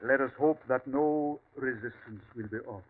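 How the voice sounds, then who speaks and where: This tinny old radio broadcast, faintly hissing, captures 1940s acting from a man with a natural, medium-pitched voice at normal speed. He plays a villainous Martian invader, calm and superior, disguised as a ranch host, and his courteous, suave tone drips cold condescension and smooth menace.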